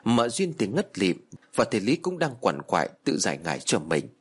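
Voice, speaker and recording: A man narrating a horror story in a dramatic, expressive way. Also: on the low side, moderate pace, breathy edge.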